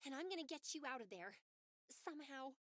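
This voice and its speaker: A woman's voice: high voice, expressive, a little fast, a bit bright, dry recording, clean studio sound. A woman playing a feisty, earnest young female cat sidekick in a cartoon noir game, emphatic and dramatic. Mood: urgent, pleading.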